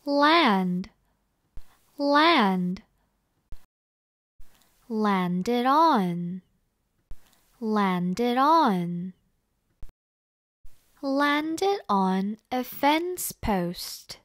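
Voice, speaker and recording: A woman teaching English reading at a very slow, deliberate pace. Her voice sits a little high. She repeats every word twice with clear, exaggerated expression for learners to copy, and the sound is close and dry. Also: very animated, dry recording. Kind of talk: slow read-aloud drill for repeat-after-me practice.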